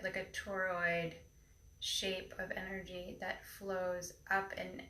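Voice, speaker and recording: A woman guiding a chakra healing meditation in a soft, airy, breathy mystical healer manner, with unhurried pauses. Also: mid-range voice. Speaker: meditation guide and energy healer. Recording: roomy echo, distant mic, background noise.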